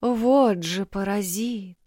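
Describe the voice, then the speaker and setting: Woman doing blunt elderly country landlady, higher and louder, folksy scolding. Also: slow, dry recording, clean studio sound. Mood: fussing. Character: elderly village landlady, blunt, earthy, fussing.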